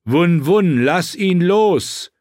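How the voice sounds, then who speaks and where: A man's voice: fairly low pitch, normal speed, slightly rough, dry recording, studio quality. A man playing a grim young commander. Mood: shouting orders.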